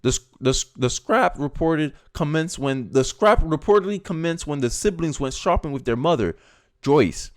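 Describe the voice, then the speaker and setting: A man's voice: fairly high pitch, animated, normal speed. A man giving blunt, heated reaction commentary as an online host, emphatic and repeating his points.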